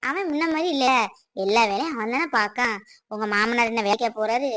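Protective mom played by a woman, scolds and consoles, high pitched, dry sound, family skit. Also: fairly quick, fairly bright tone, no room sound, lightly acted. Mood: consoling. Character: middle-aged mother, protective and fussing.

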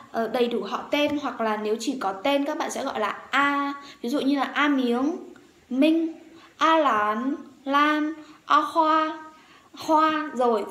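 A woman teaching a language lesson, saying words slowly and repeating them several times for learners to copy. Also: fairly high pitch, echoey room. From Vietnam.

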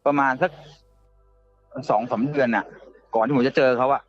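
Halting man telling a ghost story. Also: medium pitch, highs cut off, soft background music. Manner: halting, repeats words and restarts often. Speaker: guest storyteller. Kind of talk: casual ghost story telling on a live show.

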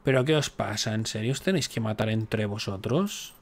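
A man's voice: on the low side, animated, normal speed. Joking man narrating his strategy game. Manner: chatty, joking, exasperated asides to the game. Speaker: gaming YouTuber. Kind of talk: casual let's-play commentary.

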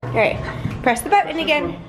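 A woman's voice: high voice, animated, a little fast, background noise. A young woman vlogging on a family trip, coaxing her toddler along in an upbeat way. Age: young adult. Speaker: vlogger mom. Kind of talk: casual family vlog. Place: resort pool and hotel hallway.

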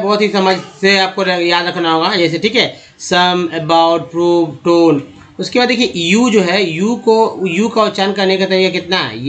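A man giving an English pronunciation lesson in Hindi, explaining patiently and often restarting or repeating himself as he addresses viewers as friends. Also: high-pitched. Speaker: English teacher.

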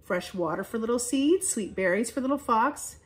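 A woman leading children's chapel, reading a children's story aloud with lively storytelling emphasis. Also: fairly high pitch, normal speed.

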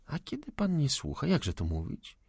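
A man's voice: a little high, huge pitch swings, normal speed, vocal fry, darkish tone, slightly rough, no room sound, clean studio sound, pitched above the performer's own voice, heavily acted. A man voicing a cool, ironic young lady. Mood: coaxing ironic. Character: young proud lady of the manor, calm and witty.

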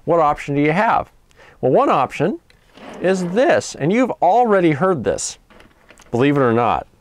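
A man hosting a vintage tech video, talking casually in a relaxed, rambling, wry way, heard through an old carbon microphone in a room at home. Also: a little high, a little slow. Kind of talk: casual demo talk. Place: home room with pillow fort. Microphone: 1930s carbon microphone. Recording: hissy vintage carbon mic.

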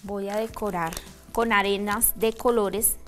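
A woman's voice: medium pitch, fairly even intonation, unhurried, faint music behind. Woman teaching a candle craft. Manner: checks in with a frequent "¿listo?". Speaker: craft instructor. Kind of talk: step-by-step craft demonstration.

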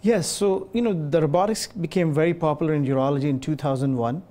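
On a TV studio set, a middle-aged Pakistani urologist is interviewed through a lapel mic. His answers are measured and explanatory, packed with filler words, and his slightly high voice has a warm tone.

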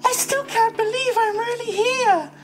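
A man's voice: very high-pitched, unhurried, loud music behind the voice, voice pushed up. A man putting on a giddy young woman. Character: excited young woman, 23-year-old Hollywood script girl.

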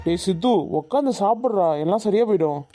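A man's voice: high-pitched, animated, fast, over loud music. A man voicing a worried, earnest young college student in a cartoon, reassuring and pleading with his friends. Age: young adult. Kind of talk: animated cartoon dubbing.

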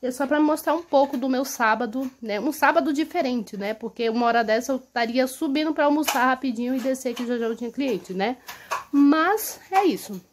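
Chatty young Brazilian mom on phone. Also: female voice, sits high, animated, brisk, slight background noise. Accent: Brazilian Portuguese. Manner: chatty, with many tag questions like "tá?" and "entendeu?". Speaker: vlogger and mother. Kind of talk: casual home vlog. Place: small home, indoors. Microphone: phone held at arm's length.

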